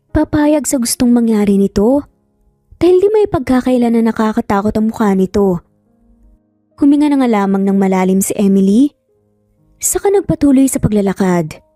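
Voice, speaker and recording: This is a woman with a Filipino accent narrating a scripted, dramatic romance story. Her voice is fairly high and warm, captured in a dry, studio-quality recording.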